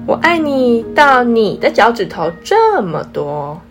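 Woman as a lively father rabbit, reading to a toddler. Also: fairly high pitch, over music. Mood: playful, boasting. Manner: exaggerated, drawn-out delivery. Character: loving, playful father rabbit. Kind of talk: picture-book read-aloud to a toddler.

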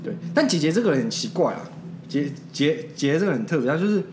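快语速的台湾男主持人，房间有回声. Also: male voice, on the high side, big pitch swings, fast, echoey room, noisy background. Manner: rambling storyteller, laughs at his own anecdotes. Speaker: podcast host. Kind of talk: casual podcast chat.

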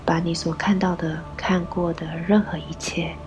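A woman leading a guided meditation, gently giving instructions in a soft, breathy voice with pauses. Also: fairly low pitch, steady tone. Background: background music.

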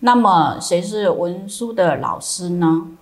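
A woman's voice: on the low side, slow. A woman reading as a doubtful young student. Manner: questioning, doubtful.

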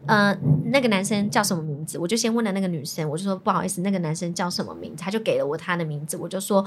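A woman with a Taiwanese Mandarin accent telling an animated story, acting out the lines of each person in it and jumping high in pitch when she quotes herself. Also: very fast, slight background noise. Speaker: podcast guest.

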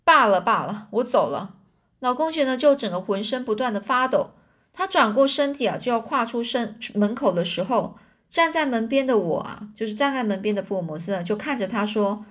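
A woman's voice: on the high side, expressive, brisk. A woman retelling a detective story in a chatty, casual way, full of filler particles.

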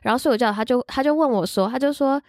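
Young female co-host, teacher, quick animated storyteller, slightly high voice, dry close mic. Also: dry recording. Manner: animated storytelling, acts out quotes. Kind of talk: casual chat.

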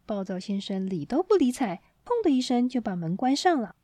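A woman storyteller reading a children's story aloud in a gentle, expressive way, on a close mic. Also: fairly high pitch, normal speed, dry recording.

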